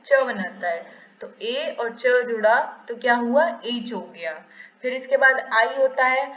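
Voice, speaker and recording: A woman teaching a pronunciation lesson, asking questions and answering them herself, repeating the key points. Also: high voice. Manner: asks and answers her own questions; repeats key phrases for emphasis. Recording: echoey, dull lo-fi room recording.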